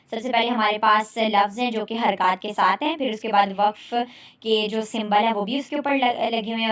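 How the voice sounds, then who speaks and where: A woman's voice: medium pitch, a bit bright. A woman with a Pakistani Urdu accent teaching a recorded lesson on Quran recitation, explaining step by step and often checking that her students follow. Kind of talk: online lecture.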